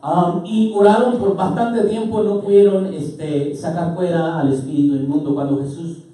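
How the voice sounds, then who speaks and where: A male pastor giving a sermon, asking the congregation questions and rising to loud, emphatic declarations. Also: high-pitched, fairly even intonation, moderate pace. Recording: echoey hall, voice from far off.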